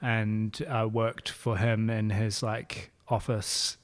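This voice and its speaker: A man in his thirties, born in France and raised in England, Dubai and New Zealand, talks through a casual podcast interview in his shop, relaxed and rambling, with many fillers and restarts. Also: fairly low pitch, takes it slowly. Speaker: guest, shop owner.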